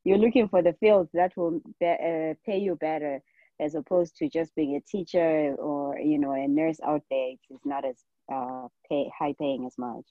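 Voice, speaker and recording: This podcast guest, a nurse practitioner in her forties, speaks with a Zimbabwean accent in a voice that sits low, at normal speed. The interview chat is casual, and the recording is dry and a bit muffled.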